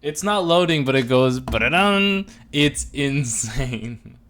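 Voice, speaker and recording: A male podcast co-host reviews a TV show in casual chat, rambling through jokes and opinions with animated asides. He speaks slowly at a medium pitch.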